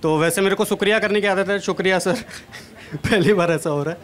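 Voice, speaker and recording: A man's voice: high voice, brisk. A young man from Kanpur doing a stand-up comedy set on a large stage, talking into a handheld mic with a chatty, self-deprecating manner. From Kanpur, India. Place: large stage at an event, indoors.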